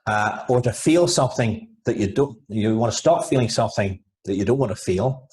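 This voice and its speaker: Man, low voice, hypnotherapist guest talking over a video call, lots of restarts. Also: expressive, brisk, a little mellow. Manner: explanatory, repeats words and restarts often. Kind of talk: casual interview over video.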